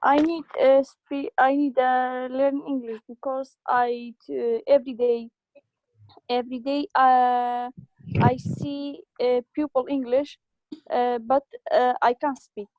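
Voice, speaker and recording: A woman's voice: high voice, level tone, slow, dry recording, lo-fi sound. A woman from Iraq learning the language, speaking hesitantly in broken phrases. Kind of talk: casual conversation.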